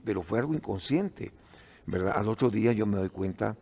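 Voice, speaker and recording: A man's voice: fairly low pitch, expressive, fairly quick, mellow. A middle-aged man with a Guatemalan accent, a pastor telling a testimony in an earnest conversational teaching style, with many fillers.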